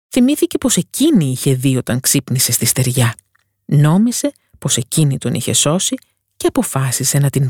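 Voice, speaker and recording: A woman narrating a fairy tale with lively, expressive reading. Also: very deep voice, breathy edge, no echo, clean studio sound. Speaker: storyteller. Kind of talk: scripted storybook narration.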